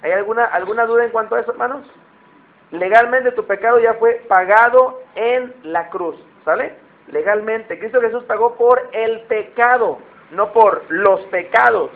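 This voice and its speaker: A man's voice: sits high, normal speed. A man preaching a conversational sermon, often asking his listeners questions. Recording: tinny phone-like sound.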